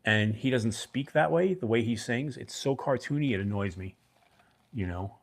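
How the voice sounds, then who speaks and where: A middle-aged livestream host from Brooklyn talks loosely in a medium-pitched, expressive, somewhat creaky voice at normal speed. He has a mixed New York and New Jersey accent and rambles, answering viewers by name.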